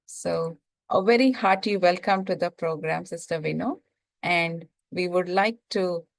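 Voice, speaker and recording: A woman host opens a program and formally introduces her guest. Her voice sits on the low side. The sound is close and dry, with no room around it. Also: dry recording, rough recording. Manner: formal and welcoming, reading an introduction.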